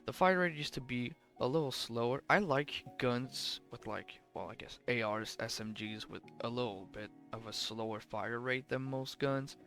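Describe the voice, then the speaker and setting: Over soft background music, a young man talks at a normal pace with hardly a pause, his mid-range voice a touch bright. He rambles through a casual ranking of game weapons, fixing his own slips in an offhand way, sounding drowsy and worn out from recording.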